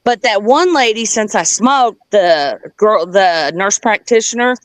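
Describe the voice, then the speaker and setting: Telling a personal story in a relaxed chat, this woman sounds candid and sweary, her mid-range voice expressive and a little slow. She rambles into side details and acts out the lines she quotes from people. The recording is dry.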